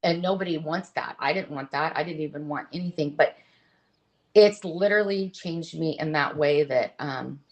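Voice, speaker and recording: A middle-aged woman, a guest in an interview, talking openly and earnestly, often pausing and restarting her sentences. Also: low voice, poor audio. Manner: earnest, open, halting with restarts. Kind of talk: candid conversational interview.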